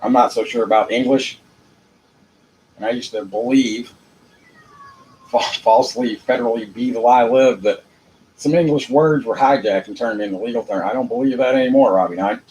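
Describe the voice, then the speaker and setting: There's noticeable background noise and poor audio as a Southern-accented man from Jacksonville, United States, an amateur legal commentator, delivers a loose, rambling monologue. His style is folksy and unpolished, with phrases repeated for emphasis. His voice is mid-range and darkish in tone, at normal speed with frequent pauses.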